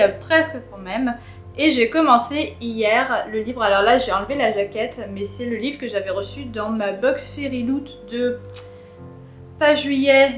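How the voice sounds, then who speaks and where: A woman's voice: on the high side, echoey room. A young woman chatting casually about her reading plans, rambling with many fillers and restarts. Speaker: booktuber. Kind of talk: casual chat.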